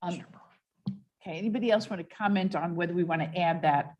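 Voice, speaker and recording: A woman with a somewhat low voice chairs a public commission meeting. She moves the discussion along in a methodical way and reads text out slowly for the record. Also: darkish tone, dull audio. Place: meeting room.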